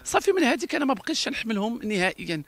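A man's voice: very high-pitched, very animated, rapid-fire, a bit bright. A man with a Moroccan Darija accent, speaking in an interview with emphatic, repetitive talk and frequent restarts.

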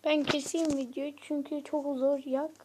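In a casual let's-play, a woman who makes gaming videos speaks right to her viewers and gets annoyed easily. She has a high voice with a level tone, and background noise can be heard.

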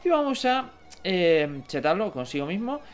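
Excitable young man, gameplay commentary. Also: sits high, moderate pace. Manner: excitable, talks to viewers and players, bursts of shouting. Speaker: gaming YouTuber. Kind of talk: mobile football gameplay commentary.

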